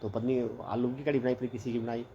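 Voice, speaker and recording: A chatty man from northern India rambles through a casual story, addressing his listeners as brothers and quoting everyone he talks to. His voice sits at an ordinary middle pitch. The audio is a little dull and lo-fi, with faint noise in the background. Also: level tone, fast, mellow. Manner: rambling, chatty, repeats "bola" and "bhai". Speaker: hostel mess teacher.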